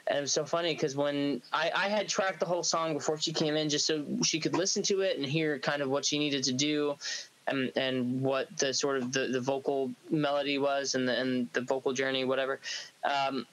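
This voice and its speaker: A band singer from New York chats casually on a podcast, rambling with lots of restarts and laughing easily. His speech is brisk, fairly even and a bit bright, and his light, high singing voice is described as feminine. The recording is low quality.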